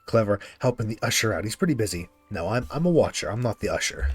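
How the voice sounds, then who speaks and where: A man's voice: fairly low pitch, animated, fast talker, husky, soft background music. A man streaming a game, reading its text aloud and chatting casually. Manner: casual, reads dialogue aloud, tired.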